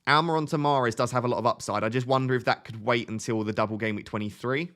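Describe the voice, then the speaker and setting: This twenty-something live streamer talks fast in a medium-pitched, fairly bright voice. He fields viewer questions casually, thinking aloud and often starting phrases over.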